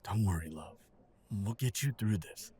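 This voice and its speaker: Playing a steady, reassuring older husband and father in an audio drama, this man speaks in a lowish voice, a little slowly. His tone is tender, and he tends toward supportive, gentle teasing.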